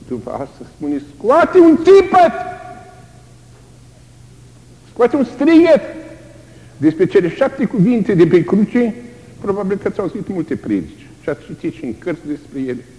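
Older guy preaching, lively swinging voice, mellow tone, big echoey hall. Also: a little high. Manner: dramatic, cries out acted screams of the tortured. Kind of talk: sermon. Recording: long hall reverb.

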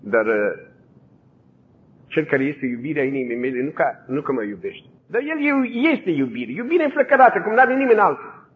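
A man voicing a gentle, devout young woman prisoner, speaking softly and low in a retold story, heard over a tinny, phone-like broadcast line. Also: sing-song. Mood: fervent.

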